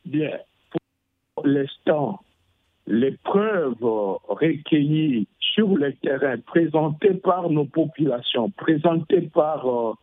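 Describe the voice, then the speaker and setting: Man, husky, over a phone line. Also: on the high side, dry recording. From North Kivu, DR Congo. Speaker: member of parliament, debate guest. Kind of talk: radio debate. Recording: dry tinny phone line.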